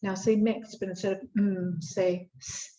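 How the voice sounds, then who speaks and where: A woman's voice: mid-range voice, level tone, unhurried, mellow, roomy sound, dull audio. A woman tutoring a student one-on-one in a phonics lesson, giving short, patient drill prompts. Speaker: reading tutor.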